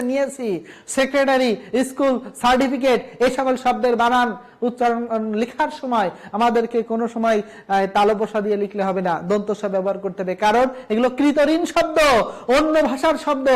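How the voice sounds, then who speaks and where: A man from Bangladesh, a college lecturer giving a recorded lesson, emphatic as he drills word lists and repeats his instructions. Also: very high-pitched.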